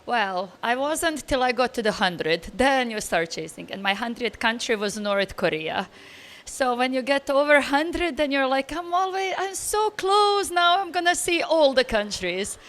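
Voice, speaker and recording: A woman, telling travel stories in an interview, animated and laughing easily. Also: high-pitched, unhurried. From Bosnia. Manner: animated storyteller, laughs easily, loose grammar. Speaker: guest traveller. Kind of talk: casual interview answers.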